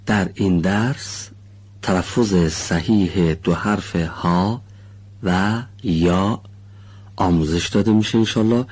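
A man teaching the correct pronunciation of letters for Quran recitation in a studio lesson. He talks slowly and deliberately, models sounds carefully, and gives students polite encouragement. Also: low voice, darkish tone, husky. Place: recording studio.

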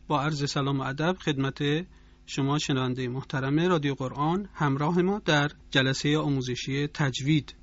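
A man teaching Quran recitation on a radio lesson, speaking in a measured way and drawing out example words slowly. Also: a little high, fairly bright tone, dry recording, dull audio. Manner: measured, drawn-out demonstration of words.

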